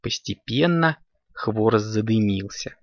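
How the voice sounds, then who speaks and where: A man narrating a children's audio fairy tale in a lively, expressive reading voice, on a dull lo-fi recording. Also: fairly low pitch, unhurried, no echo. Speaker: storyteller.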